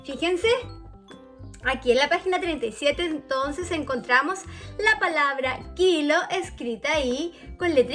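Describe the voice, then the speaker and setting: A woman teaching young children to read, patient and drawn-out, often checking that they follow. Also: very high voice, a bit bright. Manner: slow, patient, drawn-out words with checking questions. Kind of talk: children's reading lesson.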